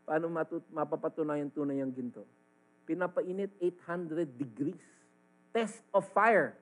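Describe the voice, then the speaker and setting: High-voiced Filipino pastor preaching animatedly. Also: male voice, a little slow, low-quality recording. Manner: animated preaching, swinging between loud emphatic lines and quiet asides. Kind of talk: sermon.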